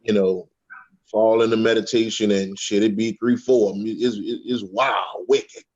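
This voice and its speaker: A man's voice: lowish voice, fairly even intonation, unhurried, darkish tone, lo-fi sound. A man in casual spiritual talk, profane, often repeating words and checking in with "okay?". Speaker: guest speaker on a spiritual panel.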